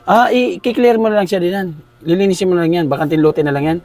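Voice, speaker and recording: A man's voice: sits high, fast talker, darkish tone. A man hosting a vlog, chatting casually and teasing his guest outdoors at a rural house. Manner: playful, teasing. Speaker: vlogger host. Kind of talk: casual chat.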